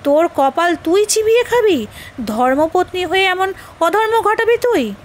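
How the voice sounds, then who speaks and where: A woman's voice: very high-pitched, lively intonation, a little hiss or hum, voice pushed up. A woman reading the part of a mocking village woman who scolds a young wife with taunting questions. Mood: scolding. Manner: taunting, rapid-fire questions.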